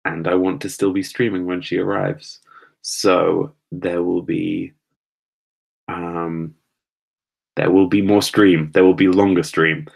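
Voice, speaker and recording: A man's voice: deep voice, little pitch movement, slow, vocal fry. A man streaming live for the first time, chatting casually with viewers in a nervous, rambling, self-deprecating way. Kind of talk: casual chat reading live comments.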